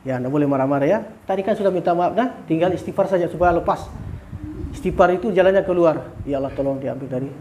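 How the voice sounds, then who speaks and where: A man, working as a spiritual healer in an exorcism session, giving commands and repeating sharp questions. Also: on the high side, fast talker, highs cut off, slight background noise.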